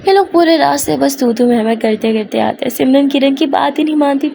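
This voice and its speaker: A woman's voice: high-pitched, a little fast, creaky, dark tone, a little hiss or hum. A woman telling a story in a plain, conversational narrating manner.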